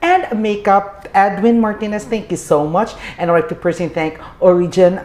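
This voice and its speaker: A woman's voice: medium pitch, fairly quick, darkish tone. A woman hosting an interview show in a conversational, effusive and complimentary way. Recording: roomy echo, faint background noise.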